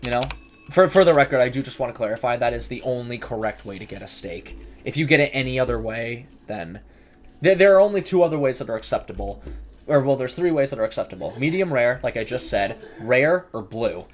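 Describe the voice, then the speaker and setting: A man's expressive, mid-range voice moves briskly as he offers casual, jokey commentary on the horror game he's streaming. Scares make him nervous and he talks back to the characters, over clear background noise and keyboard clicks and typing.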